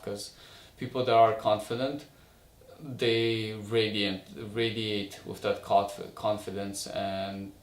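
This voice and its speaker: Earnest lower-voiced man giving pep talk. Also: far from the mic. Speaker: vlogger's husband. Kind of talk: casual couple chat. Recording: roomy sound from off-mic.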